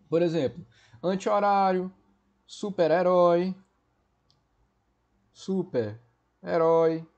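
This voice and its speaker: Man, Portuguese teacher, exam-prep lesson, breathy tone, keeps asking if students follow. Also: fairly high pitch. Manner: explanatory, checks in often with "certo?" and "né?".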